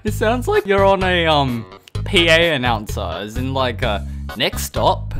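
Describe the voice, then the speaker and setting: Man, gaming host, sarcastic, teasing, very animated pitch, game music behind. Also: measured pace. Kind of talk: casual gaming chat with a friend. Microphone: desktop USB condenser mic.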